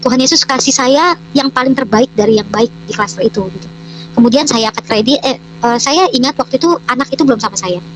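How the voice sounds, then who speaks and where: A woman's voice: fairly high pitch, fast talker. A woman telling her personal testimony as an interview guest, hesitant with many fillers, acting out her own prayers. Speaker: guest giving a conversion testimony. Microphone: microphone she can move away from. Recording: noisy line with mains hum.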